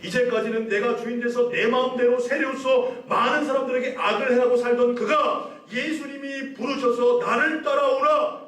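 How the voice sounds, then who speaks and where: A male pastor preaching a sermon, questioning the congregation and building to emphatic passages. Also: extremely high pitch. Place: church sanctuary. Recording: echoey church hall, mic at a distance.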